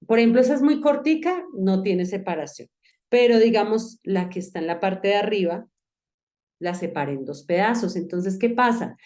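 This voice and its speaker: A woman's voice: medium pitch, mellow. Patient woman teaching English. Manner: patient, explanatory, addresses the student directly and repeats key steps. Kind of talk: online lesson.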